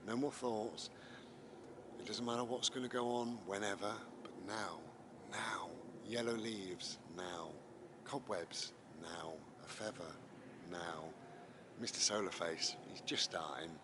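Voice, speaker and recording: Male, fairly deep, unhurried and repetitive, casual walking meditation, noisy open-air sound. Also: steady tone. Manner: unhurried, musing, repeating phrases. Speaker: vlogger guiding mindfulness and breathing. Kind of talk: casual spoken meditation while walking outdoors. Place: outdoors, walking in the countryside. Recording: noisy outdoor walking recording.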